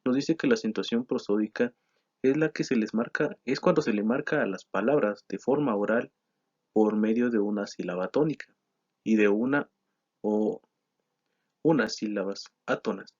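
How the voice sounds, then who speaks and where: A man's voice: lowish voice, moderate pace, a little mellow, husky. A man teaching a grammar lesson, explaining from slides with frequent "eh" and self-corrections. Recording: slightly dull lo-fi sound.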